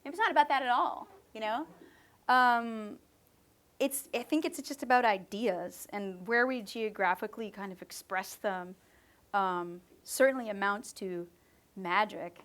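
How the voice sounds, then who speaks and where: A musician guest from Canada's West Coast answers interview questions in a relaxed, conversational style, thoughtful and chatty with frequent fillers. Her voice is medium-pitched and fairly bright, and she talks a little slowly.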